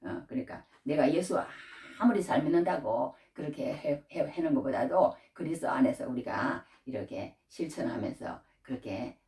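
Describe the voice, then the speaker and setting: A woman's voice: low-pitched, lively intonation, moderate pace, warm tone, distant mic. A middle-aged woman preaching a sermon in a conversational way, raising her voice when she acts out scripture. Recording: roomy sound from away from the mic.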